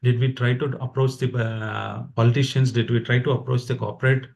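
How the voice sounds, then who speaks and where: A man's voice: mid-range voice, fairly even intonation, fairly quick, creaky, a little mellow. A man with an Indian accent delivers an informal devotional talk. He exhorts his listeners in a conversational, motivating way, as a fellow practitioner would.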